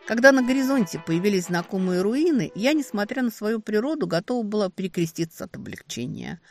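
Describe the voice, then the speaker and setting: Woman reading expressive fantasy romance. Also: mid-range voice, fairly quick, soft background music. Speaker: audiobook narrator. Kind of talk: first-person romantic fantasy narration.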